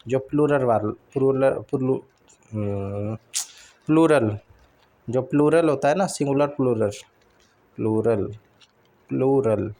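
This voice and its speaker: A man teaching an English pronunciation lesson, talking slowly and deliberately. He says each word again and again and keeps checking in with the listener. His pitch sits at an ordinary male middle. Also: darkish tone. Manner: repeats each word several times, says "ठीक है" often. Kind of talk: explaining lesson in Hindi, reading English slowly.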